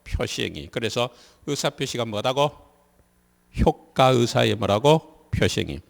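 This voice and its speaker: A male law instructor with a Gyeongsang Korean accent lectures in a mid-pitched voice. He keeps quizzing the class with the same questions again and again. Long reverb from the classroom trails behind his words. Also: lively intonation, unhurried, vocal fry. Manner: drills students with repeated quiz questions. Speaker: civil law instructor for a real estate licensing exam.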